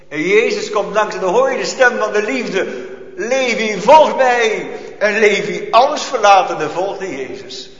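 Slow, high-voiced preacher in an echoey church. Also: male voice, a bit bright. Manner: slow, emphatic preaching with rising, swelling calls. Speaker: pastor. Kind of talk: sermon. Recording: echoey church hall, dull sound.

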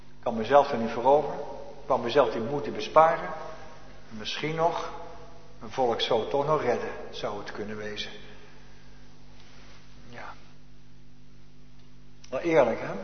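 A man preaching a sermon to his congregation, swinging from hushed asides to loud, emphatic declamation in old-fashioned churchly Dutch. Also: medium pitch, unhurried, pauses often, a little hiss or hum. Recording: echoey church hall, dull lo-fi.

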